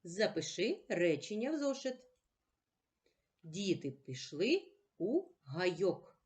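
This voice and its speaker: Slow, lively-voiced woman teacher. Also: lowish voice. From Ukraine. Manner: patient, questioning and answering herself. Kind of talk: slow, clearly paced reading lesson for children.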